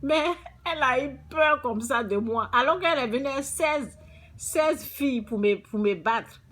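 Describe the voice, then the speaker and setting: A woman's voice: high-pitched, normal speed, a bit bright. Lady telling her church testimony to the camera, keeps repeating herself for emphasis. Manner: emphatic and repetitive, often restarting phrases. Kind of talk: religious testimony to viewers.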